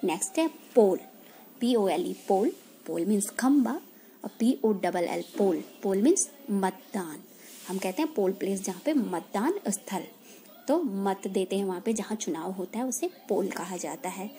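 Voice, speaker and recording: A woman teacher explaining English words in Hindi, spelling them out letter by letter and talking slowly. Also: medium pitch, animated, warm tone. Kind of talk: English vocabulary lesson in Hindi.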